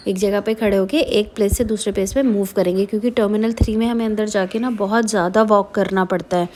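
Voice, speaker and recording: A woman's voice: mid-range voice, warm tone. A woman narrating a casual travel vlog as a mother, talking in a chatty way with many fillers and English words mixed in. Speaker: vlogger mother.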